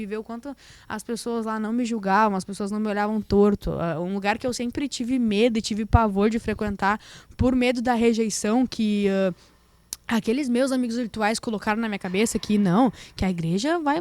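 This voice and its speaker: A woman with a southern Brazilian accent from Rio Grande do Sul, a podcast guest telling her personal faith story in lively storytelling fashion. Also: fairly high pitch, dry recording. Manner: lively storytelling, acting out quoted voices.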